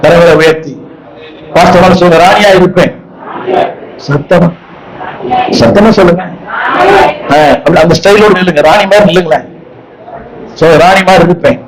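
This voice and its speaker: A man preaching a sermon to a gathering, repeating his phrases and urging the crowd to say them back loudly. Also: high-pitched, normal speed, long pauses, low-quality recording. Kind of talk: sermon with call-and-response.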